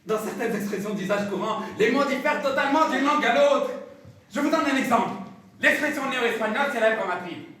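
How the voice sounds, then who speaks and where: An actor playing a pompous, irascible, domineering professor in an absurdist stage play, with insistent, emphatic delivery. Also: male voice, very high-pitched, a little fast, a bit bright. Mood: pompous, lecturing. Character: domineering, irascible, pedantic male professor who turns murderous. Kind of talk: absurdist theatre acting. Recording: very echoey room, distant microphone.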